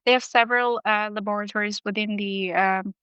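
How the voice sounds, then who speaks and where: A young woman from Bangladesh talks as an interview guest, thinking her way through answers with plenty of ums and uhs. Her voice is smooth and clean at a middle pitch. The recording is dry and a bit dull. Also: fairly even intonation, a little fast, fairly bright tone, dry recording. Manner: thoughtful, with frequent ums and uhs. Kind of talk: casual interview.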